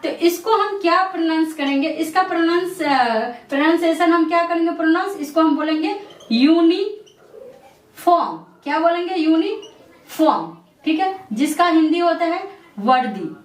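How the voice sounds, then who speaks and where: A woman, teaching English pronunciation in a classroom style. She keeps asking questions and answering them herself, with a steady stream of "theek hai". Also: very high-pitched, moderate pace. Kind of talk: classroom-style lesson explanation. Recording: echoey room, voice from a distance.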